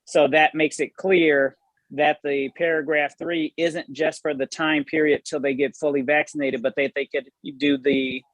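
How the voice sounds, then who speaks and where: A man with a fairly high, even voice explains legal wording at a meeting. He is careful and often rephrases, and the sound is dry and close. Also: moderate pace, no echo, poor audio. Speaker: village attorney.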